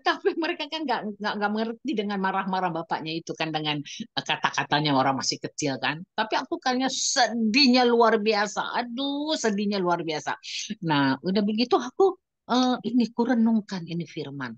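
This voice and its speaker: A middle-aged woman telling a personal faith testimony in a casual, emotional way, with many fillers and sudden high-pitched moments when she recounts her prayers. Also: sing-song, normal speed, no room sound, highs cut off. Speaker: church community member sharing testimony.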